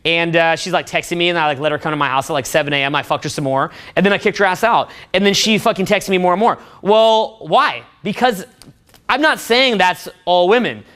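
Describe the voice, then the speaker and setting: A man's voice: sits high, fairly quick, fairly bright tone. A man giving a profane, boastful talk to a room of men about dating, often laughing at his own stories.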